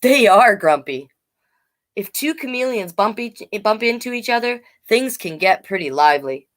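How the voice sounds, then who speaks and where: Reading a children's picture book aloud at storytime, this woman has a fairly high, expressive voice and keeps a moderate pace. She performs playfully and stops for chatty asides that explain things to young listeners.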